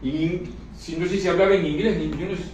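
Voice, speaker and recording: Emotional male preacher, high voice, repeats himself, heard from afar in a very echoey room. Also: steady tone, fairly quick, a little mellow. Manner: emotional, repeats phrases, asks the congregation questions. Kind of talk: sermon. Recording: echoey room, recorded from far off, faint noise.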